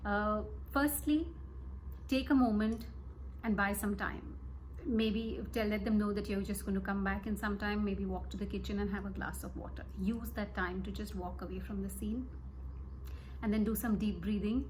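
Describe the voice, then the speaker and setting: A woman giving an explanatory coaching talk as a parenting coach, in a gentle, reassuring manner. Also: mid-range voice, slight background noise, poor audio. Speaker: mindset and parenting coach, host.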